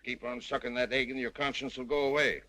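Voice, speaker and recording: An actor playing a crusty, wily old doctor in brisk, wry 1930s screwball comedy film banter. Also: male voice, mid-range voice, fairly even intonation, bright, forceful tone, lightly acted. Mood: wry, coaxing. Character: crusty, wily old small-town doctor, unbothered fraud.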